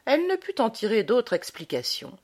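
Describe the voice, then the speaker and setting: A woman narrating a short story as an audiobook reader, with an expressive, dramatic reading. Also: on the high side, moderate pace, breathy edge.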